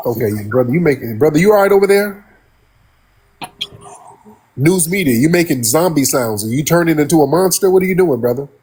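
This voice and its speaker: A man's voice: a little high, expressive, a little fast, long pauses, darkish tone, slightly rough. A man hosting a casual livestream call-in, laid-back and chatty, calling guests "dear" and "brother". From California. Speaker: livestream host. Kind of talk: casual live chat with callers.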